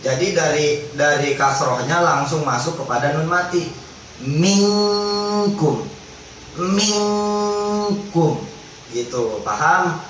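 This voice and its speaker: A man teaching Quran recitation rules in a religious study lesson, explaining in relaxed everyday speech and chanting drawn-out recited examples. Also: a little high. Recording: echoey hall, distant mic, faint background noise.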